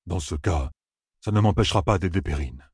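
A huge, soft-hearted Ogier from a fantasy storybook, anxious and pleading, voiced by a man narrating. The voice is low, husky and gently unsteady. It sounds dry and close-miked. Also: expressive, brisk, no echo, exaggerated voice. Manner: soft, pleading, slightly trembling.

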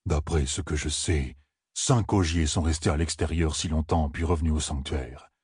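Guy doing a super deep gruff old giant elder, raspy, slow grumbly storybook voice. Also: darkish tone, no echo, studio quality, exaggerated voice. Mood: grave. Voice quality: deep rumbling voice.

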